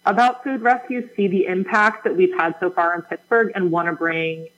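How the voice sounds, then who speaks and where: A woman's voice: fairly low pitch, fairly even intonation, normal speed, fairly bright tone. A woman who directs a program, answering a radio host's questions in an upbeat, explanatory way with a few fillers. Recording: dull lo-fi line.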